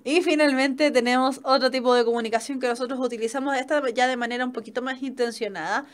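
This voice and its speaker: A woman's voice: high voice, fairly even intonation, quick pace. Chilean woman teacher giving an online class. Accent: Chilean Spanish. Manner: explanatory, frequent "¿cierto?" checks.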